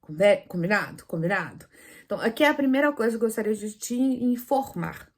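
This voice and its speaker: A woman teaching Spanish pronunciation in Portuguese, lively, asking viewers questions and demonstrating sounds aloud. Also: fairly high pitch, fairly quick. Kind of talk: online language lesson.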